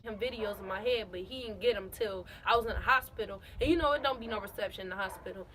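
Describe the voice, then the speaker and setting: A young woman in her late teens telling a casual storytime to her camera, animated and repeating phrases for emphasis. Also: mid-range voice, fast, a little hiss or hum, rough recording. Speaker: vlogger.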